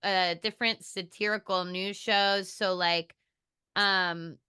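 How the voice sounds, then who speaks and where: A young woman, an actor, telling stories in an animated, casual podcast chat. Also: mid-range voice, clear, resonant tone, no echo, studio quality. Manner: animated, quick storytelling with laughs.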